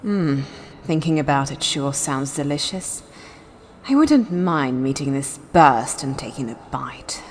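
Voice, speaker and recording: A woman voices a sly, predatory female vampire lieutenant in a fantasy audio drama, sounding expressive, confident, teasing and eager. Her voice rumbles low, moves a little slowly and carries a slight hiss or hum.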